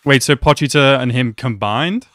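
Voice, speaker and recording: A young man reacting to an anime episode at home, talking excitedly and exclaiming often. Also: medium pitch, moderate pace. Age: young adult. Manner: animated, exclaims and laughs often. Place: small room at home.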